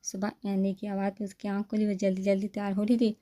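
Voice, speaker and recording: Woman, novel reader, steady narration, mellow, flat intonation. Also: medium pitch. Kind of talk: reading a romance novel aloud.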